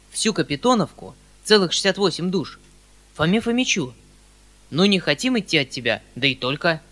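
Guy playing a fussy flustered old uncle, loud and excitable, bright voice. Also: fairly high pitch, voice pushed up. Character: kindly, flustered older landowner uncle.

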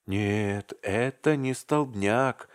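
A man's voice: lowish voice, very slow, smooth, no room sound, clean studio sound. A man reading aloud and voicing a terrified young man who cries out desperately to his friend. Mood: stunned. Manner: crying out, desperate.

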